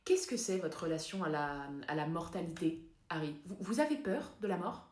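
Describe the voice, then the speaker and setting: A woman playing a calm, dry female psychotherapist in a comedy sketch, speaking softly and deadpan. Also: lowish voice, echoey room. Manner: soft-spoken, measured, deadpan.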